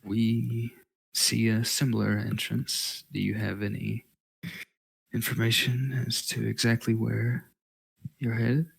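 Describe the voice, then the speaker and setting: A man voicing a small female pixie scout with measured, halting, formal phrasing in a tabletop game. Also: fairly low pitch, level tone, gravelly, husky, full character voice, poor audio.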